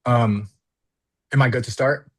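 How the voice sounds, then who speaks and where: A man speaking over a video call as an applicant at a hearing, reading a prepared statement in an earnest, halting way with fillers. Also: mid-range voice, fairly even intonation, fairly bright tone.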